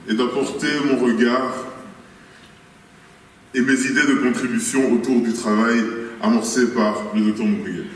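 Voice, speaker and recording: A man's voice: medium pitch, slight background noise. A man in his thirties, a young doctor, gives a formal and earnest prepared speech at a conference. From Congo, raised in Belgium. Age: 30s. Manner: formal and earnest, measured delivery. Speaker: young doctor, symposium speaker. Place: large hall with long reverb. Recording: echoey hall audio from far off.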